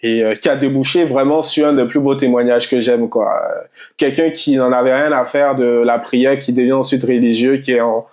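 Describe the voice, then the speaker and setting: A young man from Côte d'Ivoire tells his faith story in a relaxed conversation. He laughs often and repeats words as he goes. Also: mid-range voice, moderate pace. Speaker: guest sharing a faith testimony. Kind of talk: casual faith testimony conversation.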